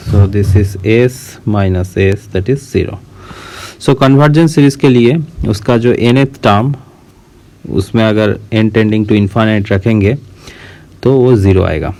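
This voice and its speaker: A male math teacher with an Indian accent talks through a proof at an unhurried, measured pace. His voice sits low and mellow. He mixes Hindi with English and checks that his students are following. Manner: mixes Hindi and English, slow deliberate explaining, checks understanding. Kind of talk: math lecture.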